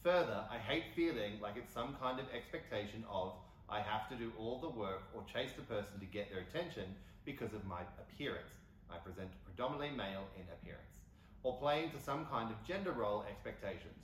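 A man's voice: lowish voice, animated, fairly quick, slight background noise. A man with an Australian accent on a live convention panel, reading a listener's question aloud. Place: convention panel stage before an audience. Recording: echoey hall, off-mic, faint ambience.

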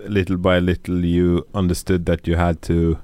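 Deep-voiced male podcast host. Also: completely flat delivery, normal speed, mellow, clear, resonant tone, dry recording, studio quality. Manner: brief backchannel replies. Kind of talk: casual interview.

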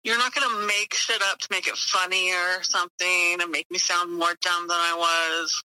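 A woman's voice: on the low side, fairly even intonation, moderate pace, pushed and bright, clear, resonant tone, no echo, low-quality recording. A woman heard over a speakerphone, the host's sister, teasing bluntly and swearing in a casual family call. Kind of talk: casual family phone chat.

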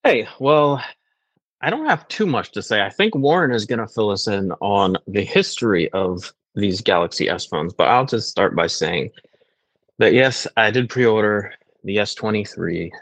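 A man co-hosting a casual tech podcast, relaxed and candid. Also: lowish voice, normal speed, dry recording. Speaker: podcast co-host.

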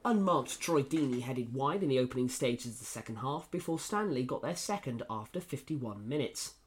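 A man's voice: mid-range voice, lively intonation, normal speed. A man presenting a football results roundup, reading match reports from a script.

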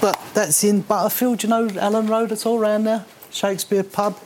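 Born in Cyprus and raised in north London, a man in his sixties with a London accent casually recounts his life story for an oral history interview. His speech is colloquial and full of swearing, delivered briskly and flatly in a high voice, with background noise behind him.

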